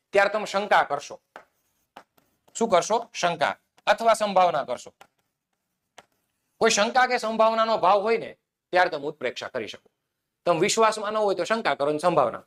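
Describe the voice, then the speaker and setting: Man, teacher, high-pitched voice, repeats points, quizzes himself aloud. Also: a bit bright. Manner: repeats key points, asks and answers own questions. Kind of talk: exam-prep grammar lesson.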